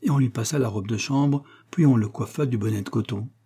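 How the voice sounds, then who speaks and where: A man narrating a comic short story in a measured, expressive audiobook reading. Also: mid-range voice, breathy edge.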